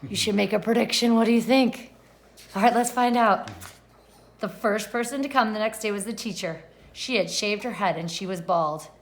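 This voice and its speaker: In this read-aloud lesson for young children, a kindergarten teacher reads a picture book with expression and puts questions to the class. She speaks at a medium pitch and normal speed.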